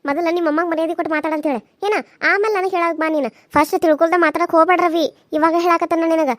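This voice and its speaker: Casting: woman voicing a very high, rapid-fire cartoon young wife, North Karnataka accent, defiant. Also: steady tone, no room sound, clean studio sound. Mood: scolding. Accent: North Karnataka Kannada. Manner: shrill, scolding, tearful outbursts. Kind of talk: Kannada cartoon serial voice acting.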